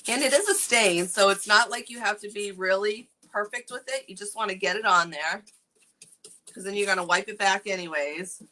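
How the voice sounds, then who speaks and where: During a casual live demo on furniture staining, a middle-aged furniture painting instructor with a New England accent chats with viewers by name and reads their comments aloud. Her medium-pitched voice is bright and forceful at a moderate pace. The recording quality is low.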